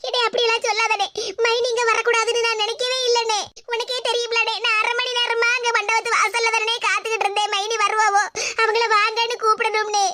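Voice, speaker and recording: A woman's voice: very high-pitched, flat delivery, a little fast, a loud crowd. A woman voicing a young village woman in a cartoon, an anxious, pleading sister speaking with a Tirunelveli Tamil accent. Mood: hurt. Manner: pleading, repeatedly calling out.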